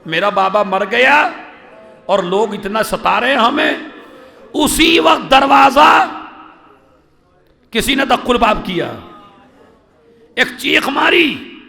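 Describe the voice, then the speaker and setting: A man's voice: extremely high pitch, expressive, gravelly, long pauses, pushed and bright. A male cleric delivering an impassioned mourning sermon, chanting and wailing as he urges listeners to weep. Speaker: cleric reciting a mourning majlis.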